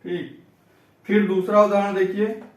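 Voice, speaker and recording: A man teaching a grammar lesson, dictating slowly phrase by phrase and repeating examples aloud. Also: high voice, level tone. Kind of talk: classroom lesson. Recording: echoey room, from a distance.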